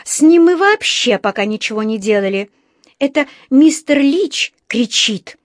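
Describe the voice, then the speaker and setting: A woman's voice: a little high, animated, a little slow, no echo, studio quality, voice pushed up. A woman voicing a frightened young nurse who talks in an urgent, pleading way, in a storybook reading.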